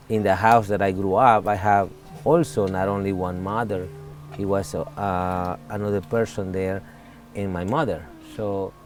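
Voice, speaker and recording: A man's voice: fairly low pitch, a little mellow. Candid Salvadoran man in his forties. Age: 40s. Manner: earnest, candid, halting non-native English. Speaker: interviewee. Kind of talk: casual interview talk.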